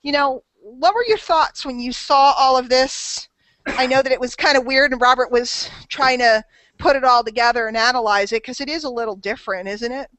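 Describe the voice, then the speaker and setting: A woman's voice: high voice, moderate pace, a bit bright, dry recording, rough recording. A woman hosting a casual group call, chatty, teasing and persuasive. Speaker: host of a marketing call.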